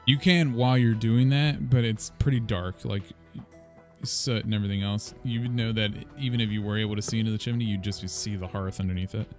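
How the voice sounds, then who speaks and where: Guy dming a tabletop game, lowish voice, chatty narration, bit of music behind. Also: fairly even intonation, a little fast, a little mellow. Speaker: game master. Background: faint music.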